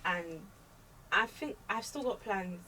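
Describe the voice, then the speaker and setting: A woman's voice: medium pitch, expressive, takes it slowly, sharp tone, far from the mic, slight background noise, poor audio. A young woman, a guest chatting and laughing about motherhood. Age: young adult. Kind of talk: casual chat.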